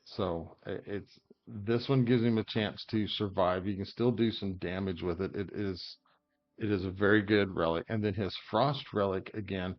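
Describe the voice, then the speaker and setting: Speaking at a moderate pace in a low, steady voice, this man thinks aloud about character builds in a game, stumbling over fillers and hiccups. He makes game guides and keeps the commentary casual. The recording has its highs cut off.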